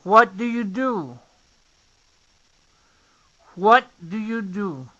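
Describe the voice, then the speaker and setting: Slow, bright-voiced male English teacher. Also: sits high, expressive, lo-fi sound. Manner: repeats phrases for the learner to copy. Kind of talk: pronunciation lesson.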